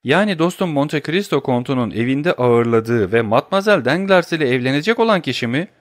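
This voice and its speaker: A man's voice: mid-range voice, lively intonation, a little fast, dry recording, studio quality, voice pushed up, close to an everyday voice. A man voicing a stern, commanding nobleman disguised as a priest, reading an audiobook. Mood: probing. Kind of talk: audiobook character voice.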